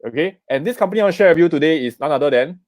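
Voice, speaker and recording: The recording is clean studio sound with no room noise: a middle-aged man with a Singaporean accent races through an investment talk for a live online summit, his somewhat high, darkish voice full of animation. He constantly throws in "okay?" and "right?" and tells viewers to write in the comments.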